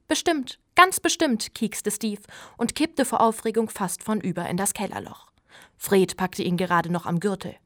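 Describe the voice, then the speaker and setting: A woman narrating a children's audiobook in an expressive way, dropping to a hush in tense moments, recorded close to the mic. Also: lowish voice, slightly rough, no room sound. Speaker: audiobook reader.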